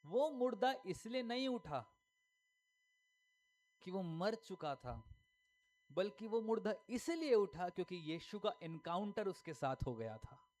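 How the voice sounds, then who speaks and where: A man's voice: sits high, sing-song, measured pace, long pauses, a little mellow. A male pastor preaching a sermon emphatically, firing rhetorical questions and repeating key lines.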